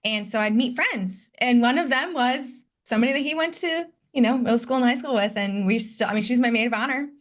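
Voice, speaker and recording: A woman's voice on the high side comes quickly, with hardly any pauses. She's from Detroit, in her late thirties, and as a podcast guest she candidly and reflectively tells stories about her past in a conversational interview.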